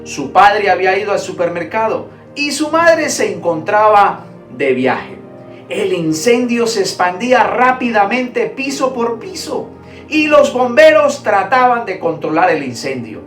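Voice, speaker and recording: A woman preacher giving a devotional sermon, building it around a story in a slow, emphatic, repetitive way. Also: medium pitch, sing-song. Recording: roomy echo, distant mic, soft music.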